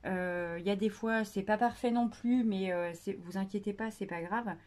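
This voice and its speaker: A woman's voice: mid-range voice, steady tone, moderate pace, darkish tone, a little hiss or hum. Chatty woman hosting a craft tutorial. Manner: chatty, hesitant with many fillers, self-deprecating. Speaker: scrapbooking tutorial host.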